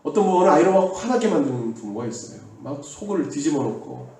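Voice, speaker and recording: A male pastor with a slightly high, sing-song, darkish voice preaches quickly in a church sanctuary, earnestly urging his congregation and leading call-and-response. It's recorded from far off in an echoey hall.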